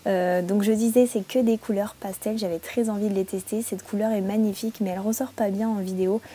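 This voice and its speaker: A woman vlogger chatting casually in her bedroom while reviewing products, relaxed and chatty with frequent hesitations. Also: mid-range voice, fairly quick, breathy edge. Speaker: beauty vlogger.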